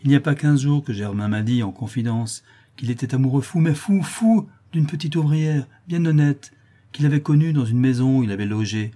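A man's voice: mid-range voice, brisk, close to an everyday voice. A man voicing a young law clerk who talks earnestly and animatedly. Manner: animated, insistent.

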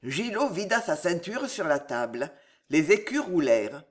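A narrator reading a French novel aloud in a calm, measured way. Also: mid-range voice. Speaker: audiobook narrator. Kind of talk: scripted narration.

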